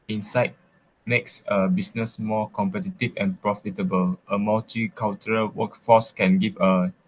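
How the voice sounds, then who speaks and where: A man with a fairly low voice gives interview answers that sound read from a script. His delivery is formal and recited, with full sentences and little hesitation. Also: low-quality recording. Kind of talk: reading prepared answers.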